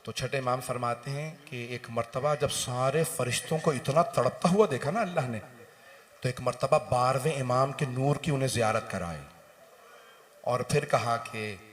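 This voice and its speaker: A male cleric delivering a mourning sermon, moving from soft storytelling to loud, wailing recitation. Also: medium pitch, lively intonation, a little slow. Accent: Indian English-Urdu mix, Londoner. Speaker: Shia cleric giving a majlis.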